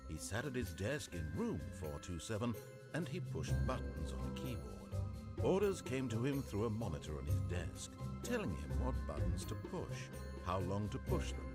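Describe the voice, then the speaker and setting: A dry narrator, deep, swoopy, game score behind. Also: male voice. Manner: measured, dry, storybook telling. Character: wry omniscient male storybook narrator. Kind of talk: scripted narration.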